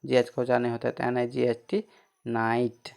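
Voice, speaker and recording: In a monotone, slightly mellow mid-range voice with vocal fry, a man gives a pronunciation lesson. Each word gets spelled out one letter at a time before he says it again slowly, and he asks questions only to answer them on his own.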